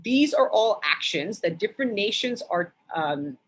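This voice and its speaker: A woman from Bangladesh giving an academic lecture in a measured way, with frequent hesitation fillers. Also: mid-range voice, animated, a bit bright, husky, poor audio.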